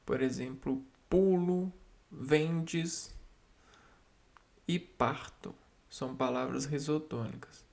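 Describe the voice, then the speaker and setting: A man with a gravelly, creaky voice works through grammar rules at a very slow pace. He halts often and repeats single words to himself as he reads and explains. The tone is that of solitary study. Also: on the high side, darkish tone. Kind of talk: reading and explaining spelling rules aloud.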